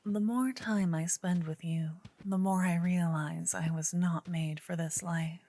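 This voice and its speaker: Woman playing a slow, soft-spoken gentle druidess, female voice. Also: fairly even intonation. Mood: weary, anxious. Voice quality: soft, breathy soft voice mixed with low murmur. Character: gentle, earnest woman druid confiding in a stealthy companion. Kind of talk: ASMR role-play. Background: soft medieval ambience and music.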